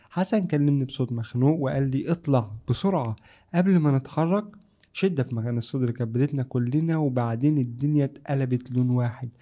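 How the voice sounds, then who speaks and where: Very dark-voiced male horror narrator. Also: mid-range voice. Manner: tense, suspenseful storytelling. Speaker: horror storyteller. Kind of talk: scripted first-person horror narration.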